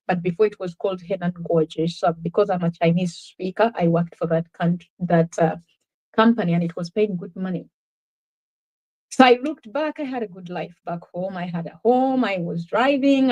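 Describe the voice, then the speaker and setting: Through poor audio comes a mid-range, darkish voice belonging to a Ugandan woman with a Ugandan accent. Her earnest, reflective account of her own life is given as personal testimony while she's a guest in a conversational interview.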